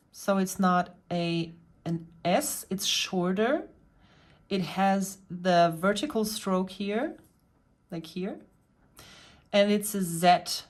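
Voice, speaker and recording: A woman's voice: medium pitch, darkish tone. A woman vlogger patiently explaining and pointing things out in a casual show-and-tell about her cross-stitch hobby.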